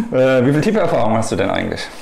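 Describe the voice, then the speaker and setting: Guy host cracking jokes w/ rapid questions, echoey room, faint hiss. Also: medium pitch, gravelly, a little mellow. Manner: joking quick-fire questions. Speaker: host interviewing a new player. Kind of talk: casual podcast interview.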